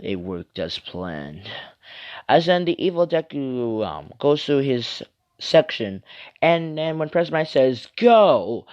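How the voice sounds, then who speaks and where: A man's voice: medium pitch, darkish tone. A man reading an improvised fan story aloud, rambling with many asides and fillers. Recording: muffled lo-fi recording.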